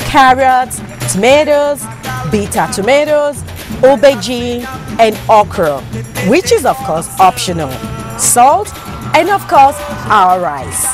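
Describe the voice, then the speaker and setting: Female voice-over, lively and highish, bright promo read over music. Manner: upbeat promotional. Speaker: voice-over narrator. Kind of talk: scripted narration.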